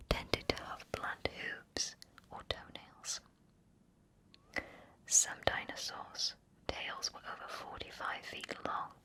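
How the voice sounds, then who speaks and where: An ASMR narrator whispering scripted facts right up close to the listener's ear throughout. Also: bright, forceful tone. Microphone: close ear-to-ear stereo microphone.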